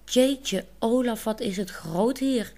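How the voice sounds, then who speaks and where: A woman voicing a cheerful young woman in a wheelchair who is excitable and quick to fret. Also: fairly high pitch, voice pushed up.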